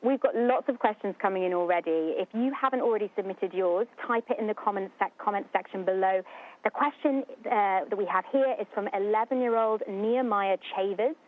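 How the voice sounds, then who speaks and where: A woman's voice: medium pitch, fairly quick. A woman hosting a live broadcast interview as a news presenter, heard through a phone-like link. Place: studio, heard over a link. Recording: narrow tinny phone-like radio link.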